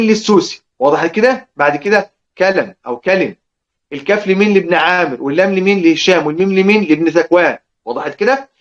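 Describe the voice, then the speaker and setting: High-voiced Egyptian man teaching a lesson. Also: dull audio. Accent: Egyptian Arabic. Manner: lively, asks and answers his own questions. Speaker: Quran recitation teacher. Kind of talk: explaining a lesson to students.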